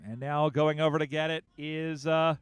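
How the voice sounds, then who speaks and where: A man giving live play-by-play commentary on a football match, calling the action quickly and getting louder on big plays. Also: fairly high pitch, smooth, no echo. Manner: rapid play-by-play, rising excitement on big plays. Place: outdoor sports field.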